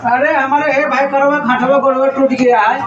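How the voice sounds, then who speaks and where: A man's voice: extremely high pitch, flat delivery, normal speed, highs cut off, noisy background. A man with an Awadhi accent playing a scheming, pleading beggar with a sob story in a village comedy skit.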